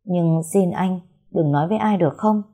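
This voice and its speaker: Give me a woman playing a trapped young woman pleading for help, low and dark-toned. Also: moderate pace, husky. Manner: pleading, hushed. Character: young woman held captive by her family, desperate and pleading.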